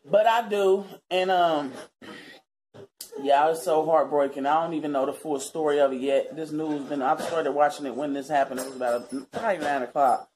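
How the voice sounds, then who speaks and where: This thirties-age vlogger from Cincinnati, Ohio, US chats earnestly and casually to her viewers from the living room, often saying y'all. Her low-pitched, slightly mellow voice moves at a normal speed, and the audio is poor with a little hiss or hum.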